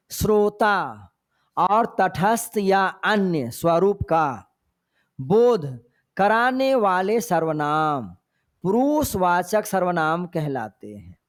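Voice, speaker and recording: A high-pitched man with a Hindi accent from Jharkhand teaches grammar for a competitive exam. He speaks at an unhurried, measured pace. He goes over each point twice and keeps telling his students to pay attention. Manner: slow and repetitive, often tells students to pay attention. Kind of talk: exam-prep lecture.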